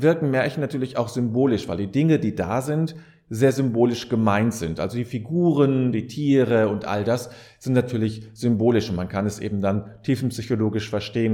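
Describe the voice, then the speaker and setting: A podcast host with a medium-pitched, darkish voice gives a reflective, explanatory monologue. He addresses the listener directly, searching for words and correcting himself as he goes.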